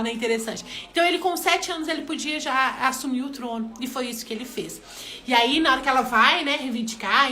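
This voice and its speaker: Woman, middle-aged, devotional speaker, chatty, high bright voice, faint background noise. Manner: chatty, addresses listeners as "gente", frequent "né". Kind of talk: informal devotional talk.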